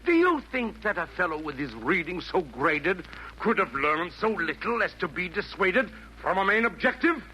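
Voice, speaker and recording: A man speaks in a high voice with big swings in pitch, at a normal speed with hardly any pauses, and the audio sounds dull. He's an actor playing a vain, scheming villain from hell, declaiming pompous, florid rhymed verse in a theatrical 1940s radio style, boastful and menacing. The recording comes from a noisy vintage 1940s radio broadcast.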